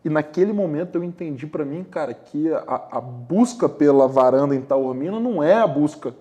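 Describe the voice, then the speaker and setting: Animated and fairly high-pitched but dark in tone, this male podcast host talks at normal speed. He's sharing a reflective story conversationally during a relaxed podcast interview.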